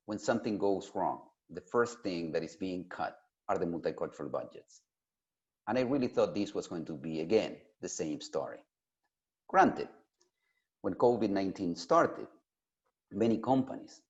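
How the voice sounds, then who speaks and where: Animated man giving a keynote. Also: sits low. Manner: emphatic, deliberate, with pauses for emphasis. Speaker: keynote speaker at an industry summit. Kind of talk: prepared keynote address. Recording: dull, lo-fi sound.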